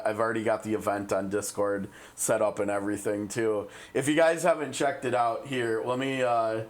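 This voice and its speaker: A man with a Midwestern American accent hosts a casual live game stream. He talks in a chatty way at a middle pitch, thinking aloud as he goes. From Midwestern United States.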